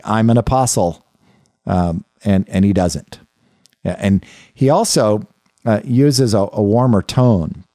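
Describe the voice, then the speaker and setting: A man leads a Bible study lesson, thinking aloud as he goes and often circling back to restart a phrase. His voice sits a little low and has a mellow, dark tone. The recording is dry and close, with no room sound around him. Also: dry recording. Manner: thoughtful, with frequent restarts and asides to the listener. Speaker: Bible teacher. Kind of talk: unscripted Bible study lecture.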